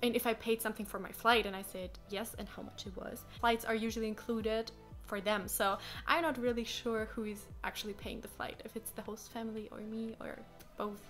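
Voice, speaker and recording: Soft music plays in the background as a young adult German-speaking woman talks casually at a fairly quick pace. Her pitch is fairly high, her tone steady and fairly bright, and her answers to questions are full of fillers and acted-out quotes in a small living room with a sofa.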